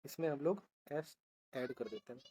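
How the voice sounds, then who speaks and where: Teaching shorthand one step at a time, a man works through a lesson on a board, spelling out letters and asking and answering his own questions in a steady teacher's voice. He speaks at medium pitch and a moderate pace, with a slightly rough edge.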